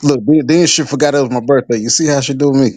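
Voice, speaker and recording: A man's voice: medium pitch, fairly even intonation, quick pace, darkish tone, no echo. A man in his forties from Texas, calling into a live talk show, playful and stammering as he chats. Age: 40s. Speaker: caller. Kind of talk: casual chat.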